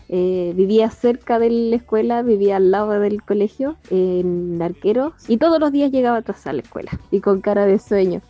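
A Chilean woman with a Chilean accent sending a recorded greeting, hesitant and full of fillers. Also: medium pitch. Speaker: former student sending greetings. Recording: dull lo-fi recording.

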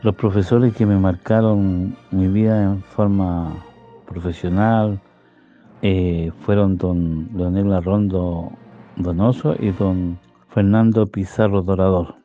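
Old man, really deep voice, heartfelt school memories, muffled lo-fi, faint music. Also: steady tone, takes it slowly. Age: older. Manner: earnest, heartfelt. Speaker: former pupil. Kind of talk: recorded testimonial. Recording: dull lo-fi sound with faint music.

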